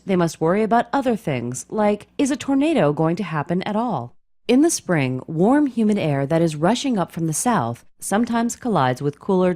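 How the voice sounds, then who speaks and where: A woman's voice: fairly low pitch, a little mellow. A woman reading scripted documentary narration.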